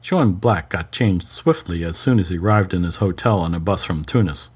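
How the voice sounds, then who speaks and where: A man with a fairly low voice reads a crime story aloud. His delivery is measured and even, with light shifts for each character in the dialogue. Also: breathy edge. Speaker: narrator. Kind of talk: scripted narration of a crime story.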